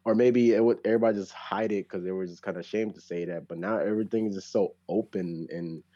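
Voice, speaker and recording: A man's voice: low voice, steady tone, quick pace, warm tone. A young man speaking as a guest in a laid-back, slangy way, full of likes. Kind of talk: casual chat. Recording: dull lo-fi recording.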